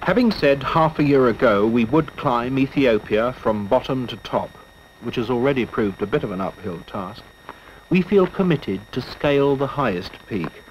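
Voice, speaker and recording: A man narrating a nature documentary from a script, telling the expedition in measured, literary first-person style. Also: mid-range voice, lively intonation. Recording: dull lo-fi old film soundtrack with hiss.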